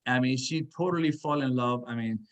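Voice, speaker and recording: Man, from Iran, raised in Sweden, casual business talk, many fillers, restarts, mid-pitched. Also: a little fast, lo-fi sound. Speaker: speaker at a business event.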